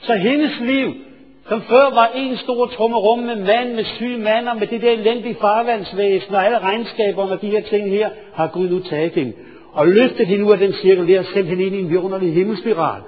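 A male preacher telling a sermon story, swinging from hushed asides to loud, excited storytelling. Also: sits high. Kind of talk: sermon with anecdote. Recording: reverberant hall, dull lo-fi sound.

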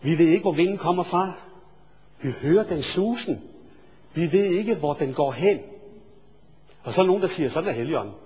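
A male preacher telling a sermon story, swinging from hushed asides to loud, excited storytelling. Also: fairly high pitch, pauses often, husky. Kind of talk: sermon with anecdote. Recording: reverberant hall, dull lo-fi sound.

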